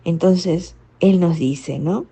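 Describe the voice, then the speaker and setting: A woman speaks in a low, dark and gravelly voice, giving a spiritual teaching. She talks slowly and reflectively, often tacking on rhetorical questions as she explains. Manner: reflective, frequent rhetorical "¿no?" tags. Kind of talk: spoken catechesis talk.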